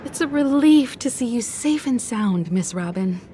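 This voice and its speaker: A woman's voice: on the high side, expressive, unhurried, warm tone, a little hiss or hum. An actress voicing a polite, composed woman leading a crew in a video game.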